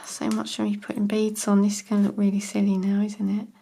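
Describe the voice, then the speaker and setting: Chatting to herself as she crafts, this woman vlogger frequently drops to a half-whisper and laughs at herself. Her medium-pitched voice is monotone and fast, with vocal fry and a dark tone.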